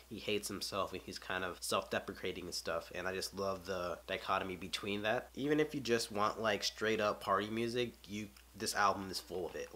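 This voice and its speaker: A man's voice: lowish voice, sharp tone. A young man giving a casual album review, loose and rambling with lots of filler words.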